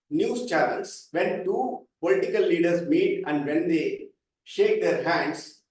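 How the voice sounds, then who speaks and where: Echoey man teaching gestures. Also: high voice. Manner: explains patiently, calls up volunteers. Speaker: workshop presenter. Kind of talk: interactive speaking workshop. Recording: echoey hall, mic from far off.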